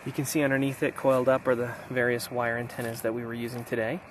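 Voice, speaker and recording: Here a middle-aged American amateur radio operator vlogs from hilly backcountry, summarizing in casual, enthusiastic outdoor vlog talk. His mid-range voice moves at a quick pace with little pitch movement. Outdoor noise is audible behind him.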